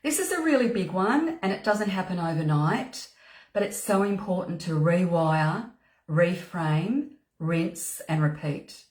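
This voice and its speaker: A woman's voice: on the low side, animated, measured pace, darkish tone, roomy sound. A woman speaking as a spiritual mentor, giving an earnest motivational talk with lots of "you know" and "okay" and words repeated for emphasis. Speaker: spiritual mentor and psychic medium.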